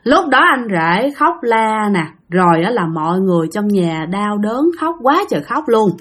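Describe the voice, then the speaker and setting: A woman's voice: mid-range voice, big pitch swings, moderate pace. A woman telling a spooky tale in a chatty way, often speaking straight to her listeners. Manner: chatty, addresses listeners directly. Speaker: storyteller. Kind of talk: spooky storytelling narration.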